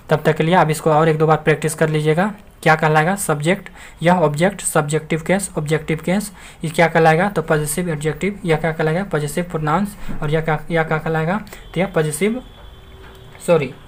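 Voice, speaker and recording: Man teaching English grammar, repeating questions. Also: on the high side. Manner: repeats rhetorical questions to viewers; keeps addressing listeners as friends. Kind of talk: online grammar lesson.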